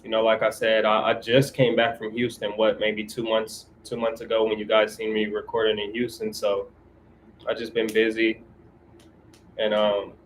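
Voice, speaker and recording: A laid-back man from California chats casually on a livestream, answering viewer comments in relaxed, slangy talk. His voice sits fairly low and stays level, with little rise or fall. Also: normal speed, a little hiss or hum, poor audio. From California, USA.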